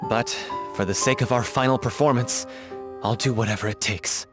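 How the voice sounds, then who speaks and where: Nervous, determined troupe member, voiced by a man, mid pitch, over clear music. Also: steady tone, normal speed, natural voice. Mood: earnest. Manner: earnest, anxious. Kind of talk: video game voice acting.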